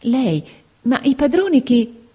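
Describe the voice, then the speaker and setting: A woman's voice: high-pitched, sing-song, slow pace, mellow, husky, pitched above the performer's own voice, full character voice. A woman reading a story, voicing a timid, bewildered young girl who asks anxious questions. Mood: puzzled.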